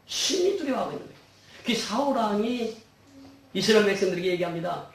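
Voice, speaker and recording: A middle-aged man preaches a sermon from the pulpit, his voice sitting a bit high for a man. He throws emphatic questions out to the congregation and leads them through scripture. The sound carries heavy church-hall echo and is picked up from some distance. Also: expressive, quick pace. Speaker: pastor. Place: church sanctuary. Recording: echoey hall, mic at a distance.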